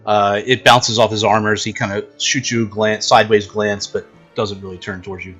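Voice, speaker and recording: A man narrating a tabletop role-playing game as game master, describing action in a halting way. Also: on the low side, flat delivery, a bit bright, dull audio, faint music behind.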